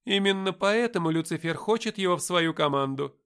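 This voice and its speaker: A man's voice: sits high, expressive, fairly quick, a bit bright, clear, resonant tone, voice pushed up. A man reading an audiobook voices a haughty, world-weary female angel who speaks in a commanding, solemn way. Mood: firm.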